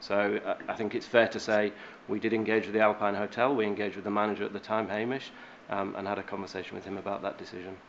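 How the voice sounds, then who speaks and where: A man's voice: lowish voice, flat delivery, quick pace, hardly any pauses. A man giving formal answers as a council officer at a meeting. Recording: dull, faintly noisy meeting room audio.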